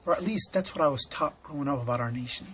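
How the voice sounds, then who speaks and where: A man's voice: a little high, fast talker, a bit bright, slight background noise. An American man in his twenties, a detainee recording a personal statement in an earnest, impassioned way and pressing rhetorical questions. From United States. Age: 20s. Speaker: detainee making an appeal.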